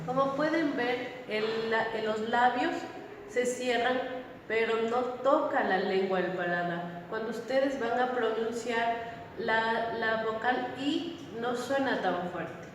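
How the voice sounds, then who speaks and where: Woman giving a pronunciation lesson, talks really slow, sounds far off in a big reverby room. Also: fairly high pitch, slight background noise. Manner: slow, deliberate, with pauses and fillers. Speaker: teacher. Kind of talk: phonetics lesson. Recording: echoey hall, voice from a distance.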